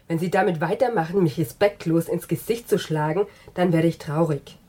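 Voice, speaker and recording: A woman voicing a polite elderly gentleman who speaks in stiff, formal phrases. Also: fairly low pitch, normal speed, husky.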